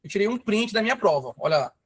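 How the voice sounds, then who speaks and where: Man, high voice, chatty exam-prep math teacher, live class. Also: sing-song, quick pace, a bit bright, breathy edge. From Pará, Brazil. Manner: chatty, enthusiastic, storytelling asides. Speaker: math teacher for civil service exams.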